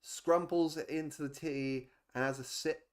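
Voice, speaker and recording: A woman's voice: low-pitched, fairly even intonation, normal speed. A woman running a tabletop game as game master, casual, swearing and laughing along with her players.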